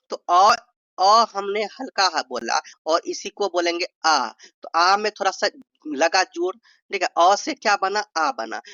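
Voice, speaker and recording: A man's voice: fairly high pitch, sharp tone, no room sound. Bihari-accented male tutor, playful and chatty, dull lo-fi sound. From Bihar, India. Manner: playful, stretches vowels to demonstrate, addresses viewers as brother. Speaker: exam tutor. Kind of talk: informal revision lesson.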